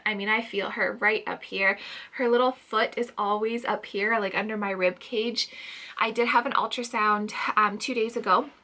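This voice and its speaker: Breathless, bright-voiced pregnant woman vlogging. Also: medium pitch, steady tone, moderate pace. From Canada. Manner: chatty, frequent "um" fillers, light laughs. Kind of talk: casual pregnancy update vlog.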